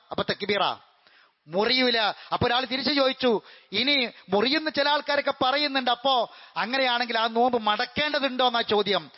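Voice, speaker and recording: A man's voice: very high voice, dull audio. A man preaching a Friday sermon in a mosque, fervent, repeating phrases for emphasis and chanting Arabic verses.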